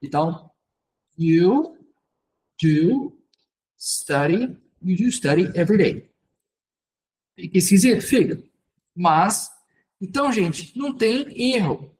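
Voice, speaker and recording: A Brazilian man teaching English grammar in Portuguese, explaining step by step in a relaxed, conversational way and often checking in with "ok, gente". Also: sits high, a little slow, long pauses. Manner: conversational, repeats "ok, gente" and "então". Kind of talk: casual spoken lesson at a board.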